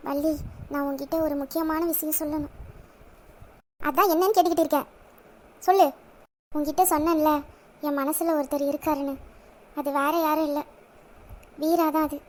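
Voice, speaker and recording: A woman voicing a tearful, heartbroken young village woman, very high-pitched. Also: fairly even intonation, normal speed, pauses often, a little mellow, a little hiss or hum, close to an everyday voice. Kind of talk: Tamil village audio drama.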